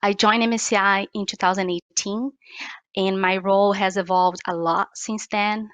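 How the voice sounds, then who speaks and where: A woman from Brazil introducing herself on a panel in an earnest, measured way over a video call. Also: mid-range voice, steady tone, fairly bright tone, no echo. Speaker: panelist, ESG researcher.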